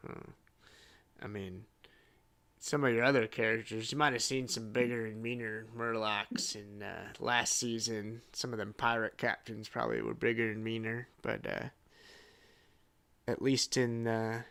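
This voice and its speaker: Brief: male game master, slow halting narration, gravelly bright voice. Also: lowish voice, little pitch movement. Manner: halting, many fillers and restarts.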